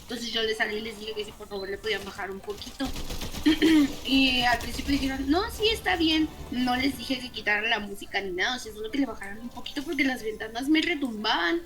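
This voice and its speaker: A woman's voice: fairly high pitch, a little fast, low-quality recording. A young woman with a Mexican accent, chatting casually while gaming and telling stories with lots of profanity. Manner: profane, laughing, animated storytelling. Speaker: gamer. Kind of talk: casual gaming chat with storytelling.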